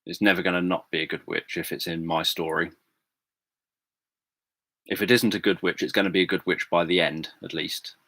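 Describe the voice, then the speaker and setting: Speaking very low and soft, an English livestream host chats casually with viewers from a room at home, often pausing on "um" and beginning again. His delivery is flat, and the close-up recording is dry with no echo.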